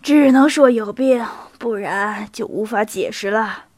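A woman reading the lines of a stern older cavalry captain, deliberate and reproachful. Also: on the high side, a little mellow, no room sound, clean studio sound. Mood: firm.

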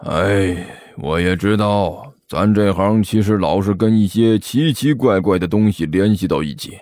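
A man voicing a gruff, boastful middle-aged tomb-robber master who lectures slowly and grumbles at his apprentice. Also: lowish voice, darkish tone, no room sound, studio quality, pitched below the performer's own voice, lightly acted. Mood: musing.

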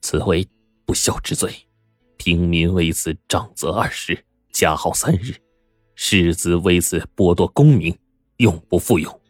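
A man's voice: lowish voice, expressive, a little fast, slightly rough, no room sound, studio quality, soft background music. A man storyteller voicing a stern, upright middle-aged prefect who declaims his lines indignantly, in storytelling with acted dialogue. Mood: grave.

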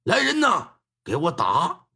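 A man voicing a stern, ruthless county magistrate in a storyteller's performance, with a gruff, commanding manner. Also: high voice, huge pitch swings, a little slow, bright, forceful tone, heavily acted.

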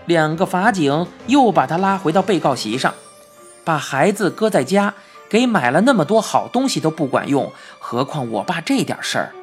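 Beijing-accented woman narrator, expressive children's story reading, faint music bed. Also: low-pitched, normal speed.

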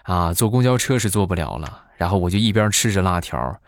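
A man in his thirties telling comic stories in a chatty way, filling pauses with drawn-out fillers. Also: deep voice, lively intonation, dry recording, clean studio sound. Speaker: comedy vlogger. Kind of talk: comic storytelling monologue.

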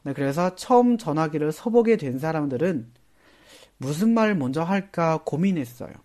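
A man giving a chatty, casual lesson, often starting phrases with a soft "ne". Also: fairly high pitch, expressive, moderate pace. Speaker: Korean language teacher.

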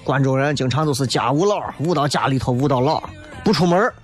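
A man in his thirties from Shaanxi, with a Guanzhong Shaanxi accent, hosting a humorous, colloquial ranting monologue full of animated rhetorical questions. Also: mid-range voice, brisk, faint music behind. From Shaanxi, China. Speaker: show host.

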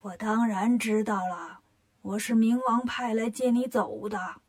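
A woman's voice: fairly high pitch, a little fast, lightly acted. Woman doing a cocky teasing monkey king. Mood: sly. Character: Sun Wukong, cocky mischievous monkey king.

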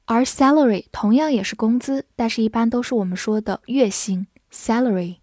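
A woman who is a native Chinese speaker, teaching English vocabulary, calmly explaining and spelling words letter by letter, with slow read-alongs. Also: fairly high pitch, dry recording, studio quality.

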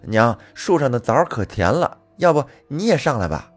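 A man telling a folk story, voicing a young village girl who is the elder sister, in a raised girlish pitch. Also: sing-song, normal speed, husky, soft background music. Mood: coaxing.

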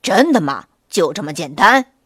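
A woman voicing a big, hungry male gray wolf in a children's story, loud and blustering, slow to catch on. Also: lowish voice, big pitch swings, husky, no echo, clean studio sound, pitched below the performer's own voice, exaggerated voice. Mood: gruff.

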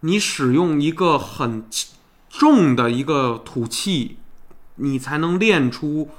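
A man with a somewhat high voice and a Beijing accent talks as a host in casual chat. He tells things in an animated, earthy, colloquial way and swears freely. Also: takes it slowly. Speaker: podcast host.

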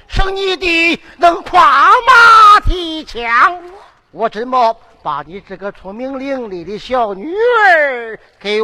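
A woman playing a stern, mocking old king father in a traditional local opera, declaiming loudly in a sing-song way with a Henan accent. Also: high voice, heavily acted. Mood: scolding.

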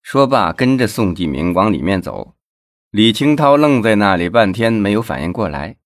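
A man narrating a novel with lively storytelling, close to the mic. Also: on the low side, normal speed, no room sound.

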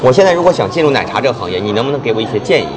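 A man's voice: medium pitch, sing-song, rapid-fire, a crowd in the background. A man hosting a casual business interview, asking questions and summing up as presenter. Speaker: interviewer and host. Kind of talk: casual business interview with a closing narrated summary.

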